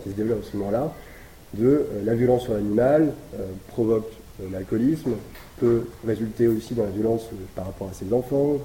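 Male lecturer, mid-pitched, explains at length with frequent pauses, echoey room, steady background noise. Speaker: lecturer presenting historical research. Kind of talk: academic talk.

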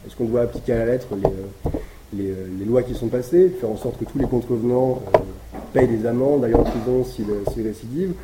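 A man giving an academic talk, explaining step by step and pausing often to find his words. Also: medium pitch. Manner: explanatory, thinks aloud with frequent pauses. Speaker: lecturer presenting historical research. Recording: echoey room with background noise.

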